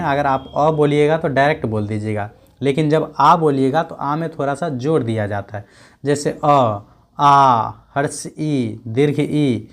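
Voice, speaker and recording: A man's voice: fairly high pitch, a little mellow. Man teaching, answering his own questions. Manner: asks questions and answers them himself; repeats key points with frequent check-ins. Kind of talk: classroom grammar lesson.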